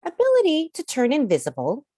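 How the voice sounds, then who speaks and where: A woman reads a children's picture book aloud in a high, very animated voice. Her storytelling is theatrical and deliberate, drawing out key words, and the recording is clean studio sound with no room noise.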